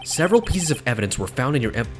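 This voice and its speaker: A man's voice: medium pitch, big pitch swings, very fast, slight background noise, lightly acted. A man voicing an earnest young defense attorney in a fan game dub, with dramatic courtroom delivery. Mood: accusing.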